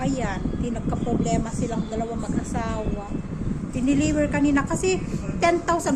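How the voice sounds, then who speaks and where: A woman vlogger at home, rambling through a gossipy story in a casual, chatty way and repeating herself. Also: high-pitched. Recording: noisy home recording.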